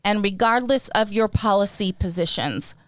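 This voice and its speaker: A woman co-hosting a podcast speaks at a moderate pace in an animated, medium-pitched voice, sounding earnest, emotional and emphatic about showing up for others. The recording is dry and studio quality.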